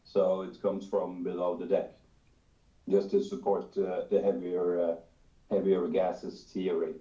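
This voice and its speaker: A man's voice: low voice, little pitch movement, a little slow, warm tone. A man from Norway, a firefighter who adds a comment from the audience and talks hesitantly, with many fillers. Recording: echoey, dull remote audio.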